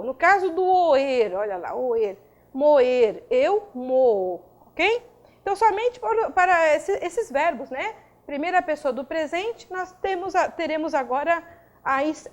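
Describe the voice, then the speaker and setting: A woman teaching a recorded grammar lesson, spelling out rules and checking in with listeners as she goes. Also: high-pitched. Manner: didactic, checks in with frequent tags.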